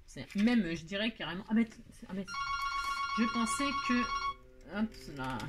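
A woman's voice: mid-range voice, animated, measured pace. A woman hosting a casual scrapbooking tutorial at home, chatting to viewers in a rambling, self-mocking way as she works. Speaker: craft tutorial host.

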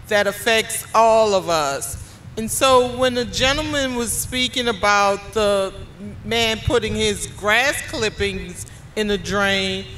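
Earnest woman pressing her point slowly. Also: mid-range voice, a bit bright, slight background noise. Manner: earnest, emphatic advocacy. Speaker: community organizer on a panel. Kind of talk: public panel discussion.

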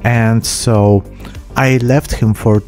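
He speaks slowly in a steady, mid-range voice with a darkish tone, as soft music plays underneath. A thirtysomething man hosting a miniature painting channel, he gives a relaxed, self-deprecating tutorial, recorded close on a pop-filtered desk microphone in a small room.

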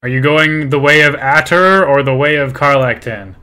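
A man's voice: on the high side, moderate pace, sharp tone, smooth. A man running a tabletop game as game master, narrating and asking questions in a casual way. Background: faint music.

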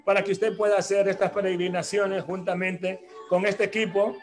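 High-voiced man hosting a church program. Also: level tone, normal speed, faint music behind. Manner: rambling, hesitant, with many restarts and tag questions. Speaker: religious program host. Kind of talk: announcements and church talk.

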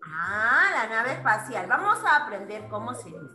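A woman's voice: a little high, very animated, moderate pace, pushed and bright, roomy sound, faint music behind. A woman teaching young children in an online class over a video call, patient and coaxing, asking the same questions again and again.

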